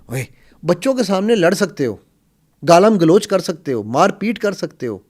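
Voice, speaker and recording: A man with a somewhat high voice teaches about marriage and love in conversation. He talks with emphasis and animation, mixing English terms into his speech like a seasoned coach. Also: very animated, a little mellow. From Pakistan. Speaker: mind coach and NLP trainer.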